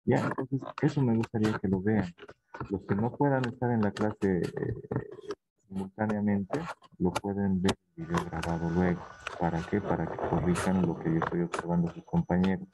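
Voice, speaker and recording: A man's voice: deep voice, steady tone, normal speed. A man teaching a university class online, explaining plans and checking in with the students often. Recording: noisy class recording.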